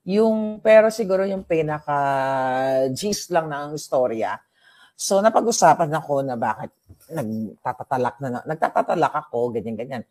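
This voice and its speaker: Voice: medium pitch, expressive, normal speed, a little mellow. A political vlogger from the Philippines, chatting casually on a livestream, gossipy and mixing English into the talk, often addressing viewers directly. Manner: talks straight to viewers and their comments.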